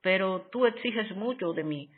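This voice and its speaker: A narrator reading a spiritual diary aloud in a measured, solemn, devotional way with long pauses. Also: medium pitch, expressive. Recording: tinny phone-like sound.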